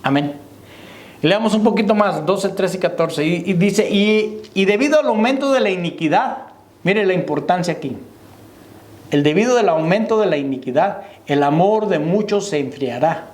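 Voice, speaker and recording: In an echoey church hall, a man with a high voice and lively intonation delivers a sermon at normal speed. As pastor, he keeps addressing the congregation as "hermano" and asking "¿me entiende?"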